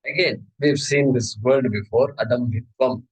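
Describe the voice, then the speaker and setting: A man's voice: medium pitch, moderate pace, slightly rough, poor audio. Indian-accented man teaching a scripture class. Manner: repeats key words, checks with listeners. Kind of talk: explanatory scripture lecture.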